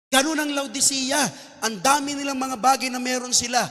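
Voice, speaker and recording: High bright-voiced Filipino pastor preaching. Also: male voice, fairly even intonation, normal speed. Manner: switches between Tagalog and English, rises to loud exhortation. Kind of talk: sermon. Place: church hall. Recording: long hall reverb.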